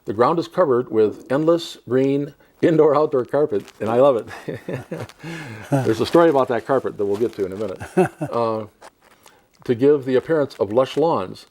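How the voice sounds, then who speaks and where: A man's voice: mid-range voice, moderate pace, a little mellow. Chatty man reading a profile aloud. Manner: chatty, laughs between lines. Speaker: talk show host.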